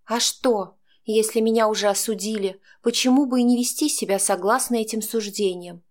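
A woman voicing a defiant young pregnant daughter who speaks in an agitated, sharp way. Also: on the high side, normal speed, lightly acted.

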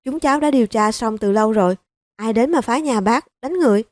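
A woman voicing a hot-tempered male police chief who speaks bluntly and forcefully, in an audiobook reading. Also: on the high side, brisk, dry recording, studio quality, pitched above the performer's own voice, close to an everyday voice. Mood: firm.

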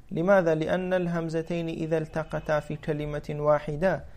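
A man with a voice a touch higher than most teaches a classical grammar lesson. He moves step by step, restating each point in new words. He often puts a question to his students and answers it himself. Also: creaky, a little mellow. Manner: repeats phrases and restates them for clarity. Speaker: teacher of Arabic morphology.

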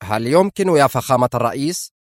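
A man voicing a smooth, fawning and cunning male spy in an audiobook, polite and insistent. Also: on the low side, expressive, brisk, dry recording, studio quality. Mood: sly, insistent. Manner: ingratiating and cunning. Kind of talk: audiobook character voice.

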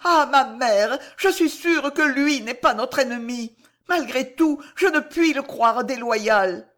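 A woman's voice: high-pitched, slow pace, fairly bright tone, voice pushed up. A woman reading the part of a desperate young daughter in an audiobook, pleading in a tearful, breathless way.

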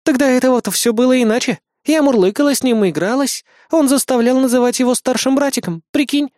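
A man reading an audiobook, voicing a brash, scheming young goddess who talks loud and snappy. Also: very high voice, fast, dry recording, clean studio sound, pitched above the performer's own voice. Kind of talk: audiobook character voice.

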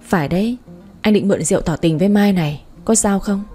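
A woman reading the part of a drunk young husband, speaking in a slow, drawn-out, whiny slur. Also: medium pitch, warm tone, slightly rough, soft background music, lightly acted. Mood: drunk tender. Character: drunk young husband, slurring, clingy and tender.

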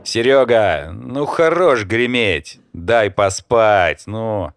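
A man doing a nervous, snappy young man, tipsy and on edge, low deep voice, dry close sound, soft music behind, audiobook. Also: sing-song, slow pace, no echo, exaggerated voice. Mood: agitated.

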